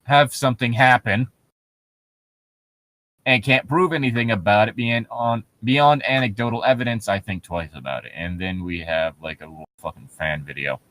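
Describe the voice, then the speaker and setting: In a low-quality recording, a man co-hosting a horror-story show reads passages aloud and cracks sarcastic, disbelieving jokes with casual cursing. His voice leans low and a bit bright, at normal speed.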